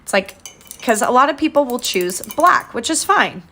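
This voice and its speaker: A woman's voice: a little high, animated, normal speed, pushed and bright. A woman giving a casual, step-by-step painting tutorial as the instructor, chatty and informal, with an encouraging way of talking.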